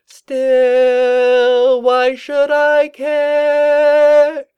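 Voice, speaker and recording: A man's voice: expressive, moderate pace, muffled recording. A man voicing a frantic, paranoid young female pony who is dramatic and overwrought. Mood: warbling song. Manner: shrill and overwrought, warbling when singing.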